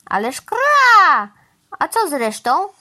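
A woman voicing an excitable, fussy male crow who squawks indignant exclamations. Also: high voice, a little slow, voice pushed up, heavily acted.

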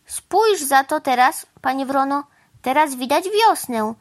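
A woman voicing a cheerful, easygoing mother cow with a gentle, sing-song way of speaking. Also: high-pitched, animated, unhurried, voice pushed up. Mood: calm.

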